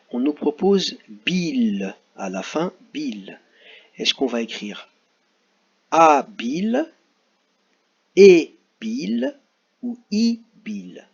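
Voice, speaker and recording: A man's voice: mid-range voice, a bit bright, breathy edge. A man teaching a spelling lesson to children, patiently sounding out syllables and letters. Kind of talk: recorded classroom lesson for children. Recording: dull lo-fi home recording.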